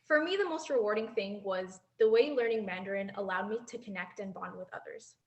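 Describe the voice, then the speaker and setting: Through dull audio from a handheld mic, a woman in her twenties speaks in a mid-range voice at a fairly quick pace. She's a former exchange student giving an earnest, thoughtful prepared speech, occasionally laughing lightly.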